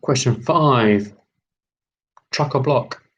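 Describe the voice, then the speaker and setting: A man hosts a live online quiz at a leisurely pace. He reads every question deliberately and repeats each term several times. His voice sits at an ordinary middle pitch. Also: slightly rough, muffled recording. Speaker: quiz host.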